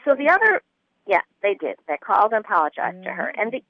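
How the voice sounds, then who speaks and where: A woman's voice: mid-range voice, big pitch swings, fast, no echo. A woman guest on a political talk radio show, speaking earnestly and growing indignant. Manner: earnest, rising to indignant emphasis. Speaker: guest commentator. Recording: muffled phone-line audio.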